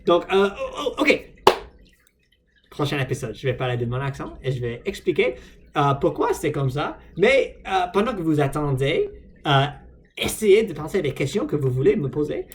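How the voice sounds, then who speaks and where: A man's voice: fairly high pitch, sing-song, moderate pace. An American man, a native English speaker, talking casually in French as a learner, hesitant and self-deprecating with many fillers. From United States. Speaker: vlogger. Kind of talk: casual unscripted vlog.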